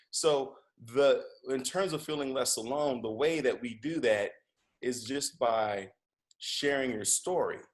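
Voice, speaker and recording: A comedian and podcast host with a mid-range voice appears as a guest in a conversational interview. He tells stories animatedly, full of fillers and restarts.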